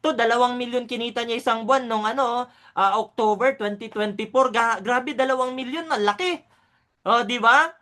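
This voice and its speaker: Upbeat woman hyping a business pitch. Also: steady tone, moderate pace, a bit bright. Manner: upbeat and hyped, keeps asking "o, di ba?". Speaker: business orientation presenter. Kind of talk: sales presentation.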